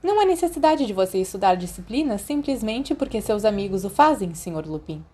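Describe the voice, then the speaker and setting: An elderly Brazilian lady professor, played by a woman narrator, speaks formally and with measured tact in a storybook. The tone is mellow and lifted, kindly yet probing. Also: mid-range voice, very animated, slightly rough.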